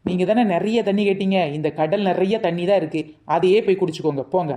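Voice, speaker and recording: A woman acting as a sharp-tongued, cheeky seller's wife in a comedy skit. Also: fairly low pitch, fast, background noise. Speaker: comic actor playing the seller's wife.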